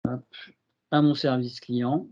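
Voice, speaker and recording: A man with a French accent presenting a software demo in a webinar, hesitant and full of fillers and restarts. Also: mid-range voice, level tone, measured pace, lo-fi sound.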